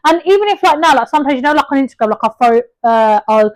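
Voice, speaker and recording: A high-voiced woman chats on a casual podcast, cutting in with questions and going off on tangents. Her voice sits high and dry, close on the mic with little room around it. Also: fast talker, no room sound, low-quality recording. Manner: chatty and animated, jumps in with questions and tangents. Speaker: podcast co-host. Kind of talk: casual chat.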